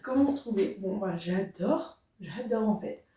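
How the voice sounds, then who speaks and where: A young woman chatting casually and enthusiastically to her viewers in a get-ready-with-me video, speaking softly to a camera set up at a distance. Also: mid-range voice, animated, a little slow. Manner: soft-spoken. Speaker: beauty vlogger. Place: indoor room. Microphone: camera standing at a distance. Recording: very echoey room, voice far from the mic.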